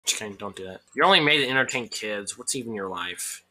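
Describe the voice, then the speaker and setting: Very bright, goofy let's-play woman. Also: extremely low pitch, lively intonation, quick pace. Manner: goofy, jokey rambling with frequent laughs. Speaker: gameplay YouTuber.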